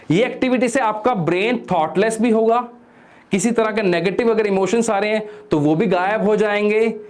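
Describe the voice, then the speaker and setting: Indian guy doing a pumped-up motivation lesson, high voice, really animated, keeps asking you questions. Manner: energetic, asks the viewer constant questions; reads English text slowly word by word. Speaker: motivational coach.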